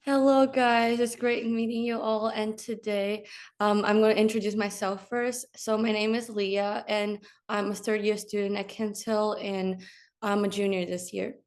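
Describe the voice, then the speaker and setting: Young woman from China giving a tour, flat-voiced. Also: medium pitch, a little slow. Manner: casual, frequent fillers like "like" and "so". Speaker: student tour guide. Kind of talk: informal campus tour narration.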